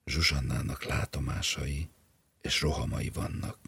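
A man reading as a grieving deep-voiced scholar. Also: little pitch movement, vocal fry, husky, full character voice. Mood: sorrowful. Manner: sorrowful, hushed. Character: grieving troubled male scholar. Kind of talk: audiobook reading.

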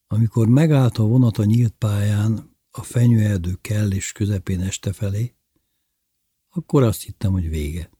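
Man, audiobook narration, steady measured reading, low pitch, husky. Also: no room sound, clean studio sound.

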